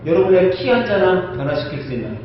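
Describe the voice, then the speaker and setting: A male pastor preaching an animated, conversational sermon, often asking the congregation questions, recorded in a church sanctuary. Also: high voice, fast, a little hiss or hum. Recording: echoey church hall, distant mic, dull.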